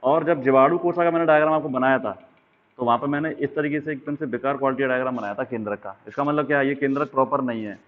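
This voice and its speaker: This exam-prep biology lesson comes from a fast-talking man with a medium-pitched, fairly even voice, heard through tinny, phone-like audio. He sketches diagrams while explaining and checks in often.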